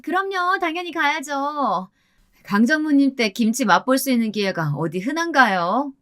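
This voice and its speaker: Woman putting on a bossy manager's wife, high shrill voice, sharp scolding, audio-drama story. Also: animated, a little fast. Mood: fawning. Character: shrill bossy young-ish wife, fawning then scolding.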